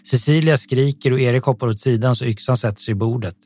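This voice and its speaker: A man narrating a story calmly and evenly, with soft music behind him. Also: mid-range voice, breathy edge. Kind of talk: scripted audiobook narration.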